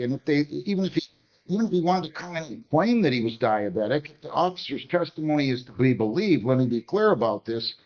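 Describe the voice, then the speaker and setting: A man's voice: mid-range voice, dull audio. A man presiding as a judge in a courtroom hearing, stern and exasperated as he lectures counsel.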